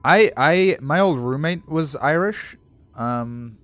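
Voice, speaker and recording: A man's voice: fairly high pitch, animated, slow, fairly bright tone, no echo. A young adult man streaming a game in casual commentary, joking and self-deprecating and laughing often. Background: faint game music.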